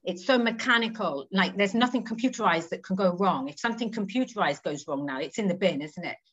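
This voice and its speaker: A woman's voice: on the low side, lively intonation, brisk, fairly bright tone, husky. Chatty woman on a video call. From England. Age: 40s. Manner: chatty, thoughtful, trailing asides with tag questions. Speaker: guest textile artist. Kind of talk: casual interview over video call. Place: home room with green walls. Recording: slightly dull video-call audio.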